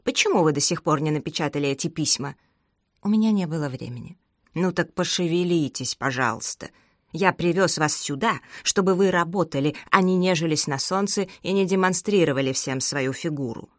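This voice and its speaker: A woman voicing a grumpy, bossy old invalid man who complains and gives orders, in a low, dry voice. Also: brisk, dry recording, close to an everyday voice. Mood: grumbling. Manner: gruff, demanding, complaining.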